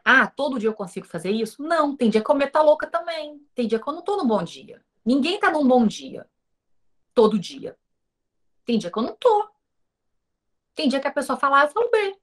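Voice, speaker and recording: Her voice sits high and swings widely in pitch, moving at a moderate pace with long pauses. She's a Brazilian woman with a Brazilian Portuguese accent teaching an informal recorded course online, talking straight to viewers, tossing out rhetorical questions and quoting lines from her own stories.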